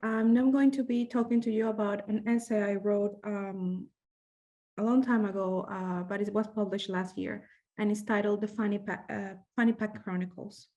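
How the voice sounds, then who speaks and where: A young woman from Venezuela with a Venezuelan Spanish accent, a medical fellow presenting at a webinar, speaking haltingly with many fillers and restarts. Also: medium pitch, steady tone, dark tone. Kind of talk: conference presentation.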